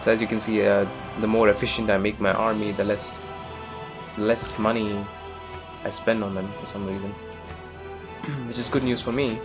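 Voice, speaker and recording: A man's voice: on the low side, flat delivery, normal speed, vocal fry, pauses often, music in the background. Rambling man doing game commentary. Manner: rambling, self-deprecating, many fillers. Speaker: gameplay commentator. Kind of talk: casual let's-play commentary.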